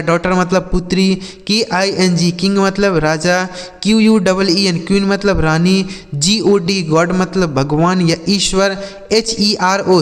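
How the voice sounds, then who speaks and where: A man's voice: high-pitched, long reverb tail. A man teaching English words one by one, spelling each aloud, asking questions and answering them himself. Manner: slow and deliberate, spells letters and repeats each word. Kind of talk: word-by-word spelling lesson.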